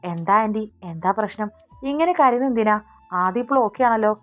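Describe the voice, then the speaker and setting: A woman's voice: medium pitch, lively intonation, quick pace, soft background music, lightly acted. Anxious, loyal young man voiced by a woman narrator; earnest and urgent, storybook reading.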